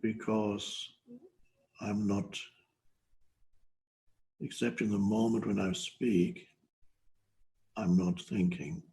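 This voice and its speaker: An older man giving a guided meditation talk as a spiritual teacher, slow and hesitant, with long pauses between phrases. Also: on the low side, steady tone, creaky, dark tone, low-quality recording.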